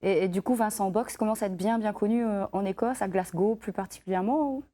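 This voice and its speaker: A woman interviewing a guest on television, asking questions in a lively, informal way. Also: mid-range voice, fairly quick.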